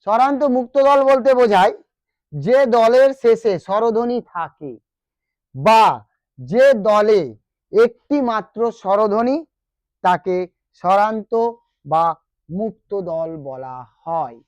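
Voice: mid-range voice, animated, takes it slowly, long pauses, darkish tone, no room sound. A teacher with a West Bengal accent explains a grammar lesson, repeating key terms and asking the students questions. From West Bengal, India.

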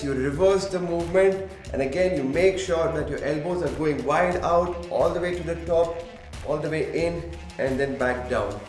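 A man's voice: on the high side, a little mellow, reverberant. A young man leading a home workout as a fitness trainer, explaining each move and counting reps aloud to keep everyone going. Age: young adult. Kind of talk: workout instruction. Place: home gym room, indoors.

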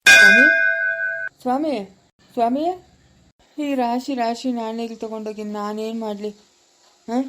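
A weary, pious old village grandfather, voiced by a woman, speaks in a plain, deferential way. The voice sits somewhat high, and the delivery is pleading and unhurried, as in a home-made family drama. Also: warm tone, soft background music, natural voice, poor audio. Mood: pious, wondering.

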